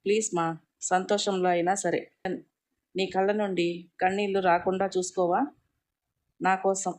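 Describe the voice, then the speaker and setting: A woman's voice: mid-range voice, little pitch movement, unhurried, natural voice. A woman doing a tender devoted young husband. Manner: gentle, pleading.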